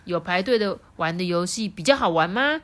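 A woman reading a children's storybook aloud in a lively, sing-song way. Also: fairly low pitch, fairly quick.

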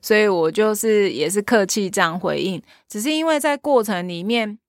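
Creaky-voiced Taiwanese woman guest. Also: medium pitch, normal speed, no echo, clean studio sound. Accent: Taiwanese Mandarin. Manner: chatty, animated retelling with quoted dialogue. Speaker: guest, leader of a children's theater troupe. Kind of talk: casual interview talk, storytelling.

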